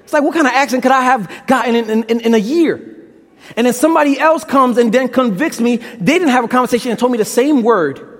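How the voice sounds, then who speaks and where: Preaching on a campus, this young man from Brooklyn talks quickly in a very high-pitched voice, with a Brooklyn accent. His sermon leans on impassioned rhetorical questions and a little casual slang, echoing with long reverb in a large hall.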